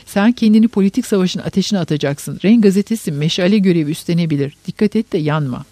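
Man voicing an earnest male mentor, warning tone, dark high voice. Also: fast talker, no room sound.

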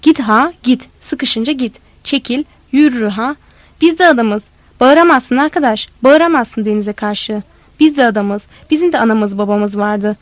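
A woman's voice: a little high, unhurried, no echo, lo-fi sound, lightly acted. A woman voicing a belligerent drunk man who stammers and repeats himself aggressively.

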